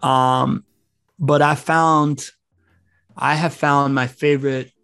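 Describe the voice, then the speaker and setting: Slow and flat, with a slightly high, fairly bright and clean voice, a man in his thirties tells meandering stories as a podcast guest, often restarting. His family is Venezuelan though he grew up elsewhere, and the studio-quality recording has no room sound.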